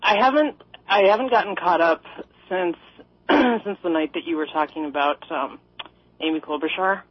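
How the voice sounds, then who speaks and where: Calling in to a radio show, a Minnesota woman rambles and laughs with a sarcastic edge. Her voice is fairly low and breathy at a moderate pace, and the phone-in audio comes through dry and muffled.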